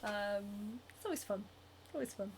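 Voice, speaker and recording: A young woman with a Northern English accent, a cosplayer and livestream host, hand sews at home while streaming casually. Her medium-pitched voice is unhurried, with a little hiss or hum, as she reads viewer comments aloud and chats with lots of giggles, ums and likes.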